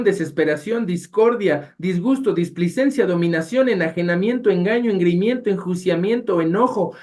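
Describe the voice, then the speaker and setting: Man, Mexican accent, Bible class teacher, lively, rhetorical questions to listeners. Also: sits high. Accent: Mexican Spanish.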